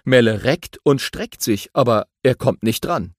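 A man narrating a children's audiobook in an animated storytelling way. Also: medium pitch, unhurried, no echo, studio quality.

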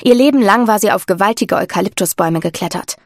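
A woman giving steady, scripted narration of a fantasy audiobook. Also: mid-range voice, fast, no echo, clean studio sound.

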